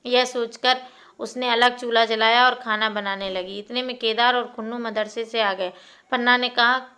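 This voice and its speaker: A woman reading a classic short story aloud in a steady, expressive narration. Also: fairly high pitch, moderate pace.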